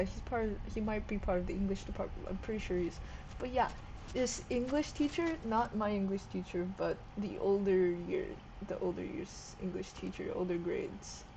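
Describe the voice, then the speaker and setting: A tired, sleep-deprived woman rambles through a casual vlog, cursing freely and hopping from one thought to the next. Her voice sits at an ordinary middle pitch. A clear hiss of background noise runs under the recording. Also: darkish tone, low-quality recording. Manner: rambling, swearing, jumps between topics. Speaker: vlogger.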